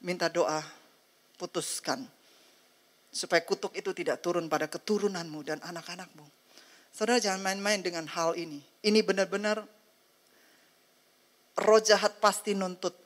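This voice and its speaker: Woman pastor, mid-pitched, dramatic sermon delivery, acts out dialogues, calls for amen. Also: moderate pace, long pauses.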